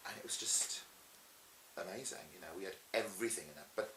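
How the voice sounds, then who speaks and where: With a low, bright, forceful voice and a fairly quick delivery, a middle-aged pantomime performer trades anecdotes in an interview, talkative, theatrical and emphatic. Room echo and a faint hiss colour the recording.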